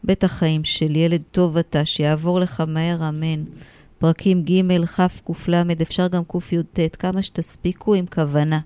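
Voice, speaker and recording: A woman's voice: lowish voice, flat delivery, dark tone, clean tone, no echo, close to an everyday voice. A woman voicing a tender, devout father in a told story, blessing his son and listing psalm chapters. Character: loving, devout father on the phone.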